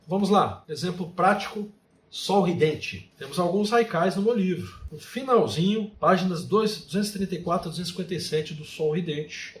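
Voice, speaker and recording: A man's voice: high voice, moderate pace, a little hiss or hum. A Brazilian man teaching a creative writing class, explaining poetic forms and often adding "né?" to his sentences. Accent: Brazilian Portuguese. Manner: frequent tag "né?", recites his own poems with feeling. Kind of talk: online course lecture. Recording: echoey room.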